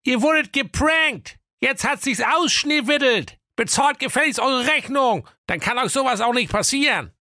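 Brief: boastful cheeky little hero, bright high voice, dry sound, put on by a man. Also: lively intonation, normal speed, few pauses, dry recording, exaggerated voice. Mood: cocky. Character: cocky naive male web designer hero. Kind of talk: comic fairy-tale reading.

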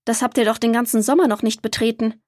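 A woman reading aloud, voicing a skeptical father who asks slow, doubting questions. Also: a little high, fairly even intonation, darkish tone, dry recording, studio quality, lightly acted. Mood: doubtful. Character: skeptical father, a little gruff.

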